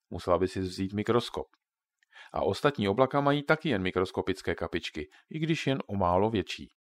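A man's voice: fairly low pitch, dry recording, clean studio sound, close to an everyday voice. A man voicing a joking father who patiently explains things to his children in a storybook reading.

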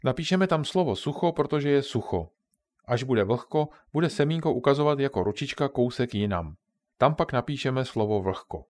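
An eager, chubby boy camper explains and plans everything in a storybook reading, voiced by a man. The voice lifts a little above an ordinary man's, lively and bossy but never loud. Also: medium pitch, dry recording, studio quality, close to an everyday voice.

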